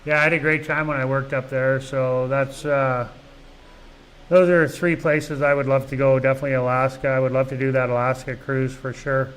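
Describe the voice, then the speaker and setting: A man's voice: medium pitch, level tone, normal speed, a bit bright, rough recording. A middle-aged man from Canada hosting a casual live vlog, rambling along with lots of "you know" and restarts. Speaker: vlog host. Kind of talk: casual live-stream chat.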